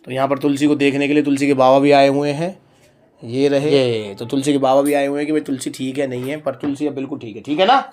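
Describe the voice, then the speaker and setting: A man's voice: medium pitch, little pitch movement, quick pace, darkish tone. A man filming a casual family vlog indoors at home, talking playfully and teasing as he chats to the viewers. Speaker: father and vlogger. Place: indoors at home, in front of a heater.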